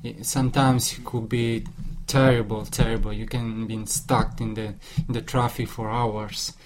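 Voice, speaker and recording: A man from Italy with an Italian accent, leading a casual discussion in English, his second language. He talks haltingly, with many restarts and fillers. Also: fairly low pitch, little pitch movement, background noise.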